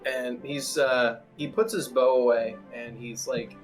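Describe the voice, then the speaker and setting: A man runs a tabletop game as game master, in a mid-pitched voice. He builds his descriptions in halting, casual pieces over faint music. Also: fairly even intonation. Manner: halting, conversational, piecing descriptions together. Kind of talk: improvised tabletop game narration.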